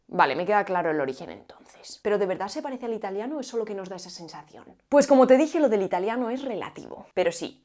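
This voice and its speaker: A woman's voice: mid-range voice, darkish tone. Playful woman. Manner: playful, asks and answers her own questions. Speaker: linguistics video host. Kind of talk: scripted educational explainer.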